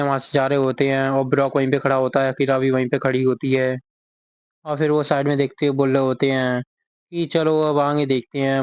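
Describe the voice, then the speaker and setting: A man's voice: mid-range voice, clear, resonant tone, no echo, muffled recording. A man casually retelling a manga chapter as a recap narrator. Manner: reads character lines in the same plain voice.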